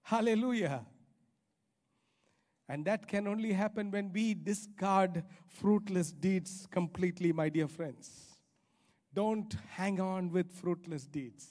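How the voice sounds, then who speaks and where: Speaking slowly with a high voice and a darkish tone, a middle-aged Indian-accented preacher gives a sermon from a large church auditorium stage. He hammers points home emphatically by repeating phrases, and his handheld mic echoes through the reverberant hall.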